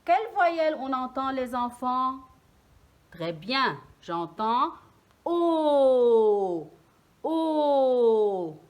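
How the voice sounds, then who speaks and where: Femme enseignante, très lente et articulée. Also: female voice, high-pitched, lively intonation, fairly bright tone. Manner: slow, clearly articulated, stressing each sound. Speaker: teacher. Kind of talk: early reading lesson for children.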